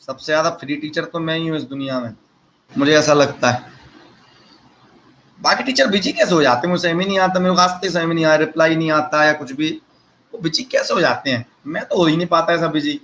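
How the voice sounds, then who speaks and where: A man's voice: on the high side, a little fast, fairly bright tone, a little hiss or hum, rough recording. A man, teaching a live online lecture and mixing chatty, teasing asides to his students into the explanation.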